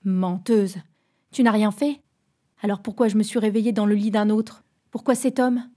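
A woman's voice: medium pitch, steady tone, moderate pace, dark tone, close to an everyday voice. Woman voicing a frantic, pleading young woman. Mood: accusing.

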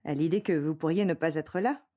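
A woman voicing a wry young woman who speaks gently with irony. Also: sits low, fairly quick. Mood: ironic. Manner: ironic, gentle.

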